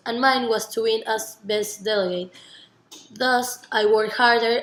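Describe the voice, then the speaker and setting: A nineteen-year-old university student from Margarita, Venezuela, earnestly gives rehearsed answers in an interview, presenting herself in non-native English with a Venezuelan Spanish accent and some stumbles. Her voice is fairly high, and the recording sounds echoey and roomy.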